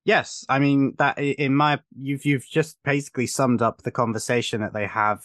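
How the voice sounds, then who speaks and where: A man's voice: medium pitch, fairly even intonation, normal speed, fairly bright tone, no echo. Opinionated male podcast host, dry sound. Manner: long, emphatic, opinionated explanations. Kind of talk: casual podcast chat.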